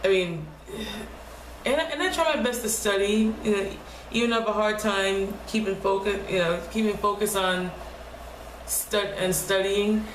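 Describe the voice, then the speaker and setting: A young woman vlogs casually from a room at home, speaking quietly in a low, deep voice, hesitating and often restarting her words. The room is echoey, with faint background noise.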